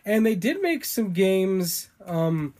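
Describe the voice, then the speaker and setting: A man's voice: high voice, big pitch swings, takes it slowly, a little mellow. A young man co-hosting a podcast, rambling in casual chat with lots of fillers and casual swearing. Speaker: podcast co-host.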